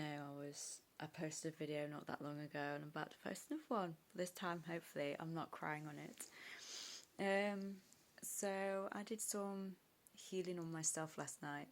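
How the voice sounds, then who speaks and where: Young woman, low voice, gravelly, tearful, rambling confessional vlog. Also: slight background noise. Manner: rambling, emotional, many fillers and restarts. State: upset, tearful. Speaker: vlogger. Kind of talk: casual confessional chat to camera.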